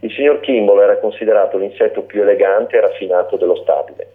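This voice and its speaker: A man reading a children's story aloud in an animated way, switching voices for the characters. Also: lowish voice, fast. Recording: narrow phone-line sound.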